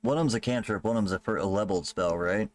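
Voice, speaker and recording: A man's voice: fairly low pitch, fast talker, a crowd in the background. A man running a tabletop game as game master, casual and loose, with swearing and laughing asides.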